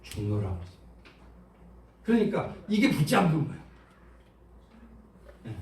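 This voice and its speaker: Preaching in a church sanctuary, a lively pastor with a high-pitched male voice talks conversationally and poses rhetorical questions to the congregation. The sermon is captured from a distance, with a roomy church sound.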